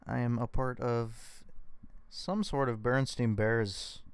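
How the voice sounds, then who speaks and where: A man's voice: mid-range voice, steady tone, slow pace, smooth, no room sound. A young man with a US West Coast accent, chatting casually on a livestream, thinking aloud and poking fun at himself. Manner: thinking aloud, self-mocking.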